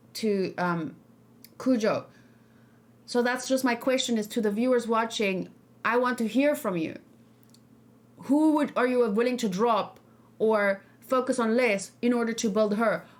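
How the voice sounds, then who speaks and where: A woman streamer hosts a reaction and discussion livestream, chatting casually with viewers in an emphatic, questioning manner and repeating key words for stress. Her voice is a little high and her pace measured.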